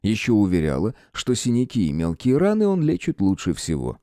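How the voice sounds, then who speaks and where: A man's voice: lowish voice, fairly quick, dry recording, clean studio sound. A man narrating a fantasy audiobook in the first person, expressively. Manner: expressive storytelling. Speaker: audiobook reader.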